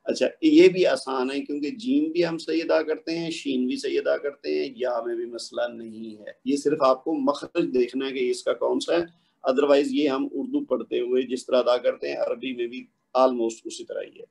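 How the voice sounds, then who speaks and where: Male tajweed teacher, husky edge, patient and explanatory, demonstrates sounds slowly. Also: mid-range voice, fairly even intonation, a little mellow. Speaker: Quran recitation teacher. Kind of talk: spoken tajweed lesson.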